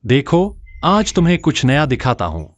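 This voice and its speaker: An actor playing a poor young hero who calmly quotes proverbs at rich bullies, in a dubbed drama. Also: male voice, on the high side, moderate pace, dull audio, slight background noise. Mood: assured. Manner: calm, proverb-quoting. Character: calm poor young hero with magic powers. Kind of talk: Hindi-dubbed drama acting.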